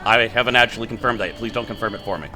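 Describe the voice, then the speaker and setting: A man's voice: fairly low pitch, racing, pushed and bright. A man musing aloud over gameplay in a chatty, casual way, with laughing asides. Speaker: gameplay host.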